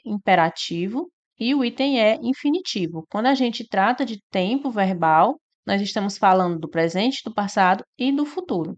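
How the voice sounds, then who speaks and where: A woman's voice: medium pitch, dull audio. A woman, teaching an exam-prep lesson and walking through each answer step by step with frequent tag questions.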